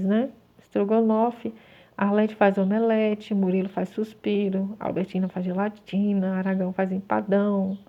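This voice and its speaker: Gravelly Brazilian teacher, tinny phone sound. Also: female voice, medium pitch. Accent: Brazilian Portuguese. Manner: slow, drawn-out word by word dictation. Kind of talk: walking children through a textbook exercise.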